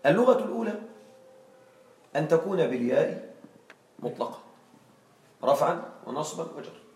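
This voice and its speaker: A male teacher with a slightly high voice leads a classroom grammar lesson and keeps stopping to quiz his students. He sounds set back from the microphone, and his voice carries through a roomy, echoing space. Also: very animated, moderate pace, a little mellow. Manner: quizzing students with frequent check questions. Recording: echoey room, far from mic.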